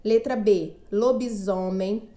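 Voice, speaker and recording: A woman's voice: medium pitch, fairly even intonation, warm tone, roomy sound, lo-fi sound. A woman from Brazil teaching a remote lesson to children, stretching out syllables and often asking "não é mesmo?". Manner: slow, drawn-out syllables, frequent "não é mesmo?".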